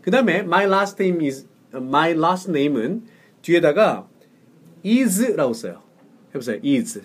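A man teaching English on a podcast, drilling phrases slowly for his co-host to repeat. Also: fairly high pitch, sing-song, husky. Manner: slow, careful drilling of English phrases for repetition.

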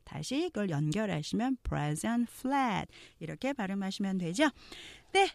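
A woman teaching English pronunciation, explaining points and then saying phrases slowly and carefully so learners can repeat them. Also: a little high, creaky, no room sound. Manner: slow, careful drills spoken for learners to repeat; switches between explaining and modeling phrases.

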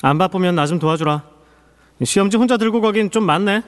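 A cool, cynical high school boy played by a man in an audio drama. His high voice is curt and matter-of-fact, with a long reverb around it. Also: a little fast, close to an everyday voice.

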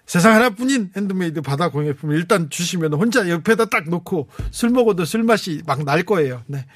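A man hosting a late-night radio show, chatting and reading listener messages with warm, teasing asides. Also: sits high, expressive, brisk, husky, no echo, studio quality. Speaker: radio DJ host. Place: radio studio. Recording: music playing faintly behind.

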